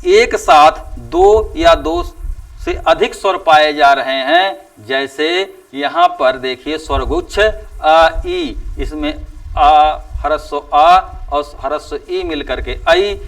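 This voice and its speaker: Male teacher, higher-pitched and gravelly, drawn-out deliberate lecturing. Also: sing-song, distant mic. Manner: slow and deliberate, stretching out example sounds with emphatic rises. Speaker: Hindi teacher. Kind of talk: classroom lecture.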